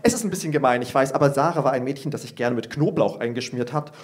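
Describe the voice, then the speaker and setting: A man performing a comic first-person story at a poetry slam as a teacher, told in a lively, animated way. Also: medium pitch, quick pace.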